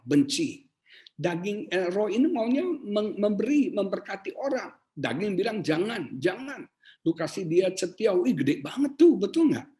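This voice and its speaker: A middle-aged man, a pastor preaching a sermon in an animated, conversational way, acting out inner dialogue and addressing the congregation directly. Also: high-pitched.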